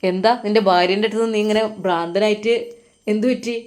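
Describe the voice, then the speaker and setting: A domineering policeman who taunts and orders people about, acted by a woman narrator. His talk is brusque and quick, with a middle pitch. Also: fairly even intonation, a little mellow, lightly acted. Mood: bossy, mocking. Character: gruff male police officer, mocking and bossy. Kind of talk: storytelling.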